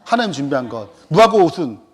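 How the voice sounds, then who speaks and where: A man's voice: fairly high pitch, big pitch swings, quick pace. A man giving a Bible study lecture, asking rhetorical questions and then answering them himself. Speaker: Bible teacher.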